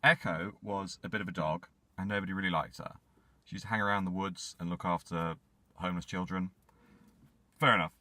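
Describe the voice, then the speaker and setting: Guy rambling through a myth for laughs, low-ish voice, dry close sound, deadpan jokes. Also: brisk, no room sound. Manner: jokey, deadpan asides, rambling. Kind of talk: casual comic storytelling.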